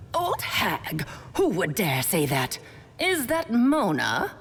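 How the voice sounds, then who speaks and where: A woman's voice: medium pitch, huge pitch swings, extremely slow, fairly bright tone, slight background noise, exaggerated voice. A woman voicing a grand, playful mother witch who speaks theatrically and coyly and tells an ancient story, in a video game. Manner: theatrical, coy.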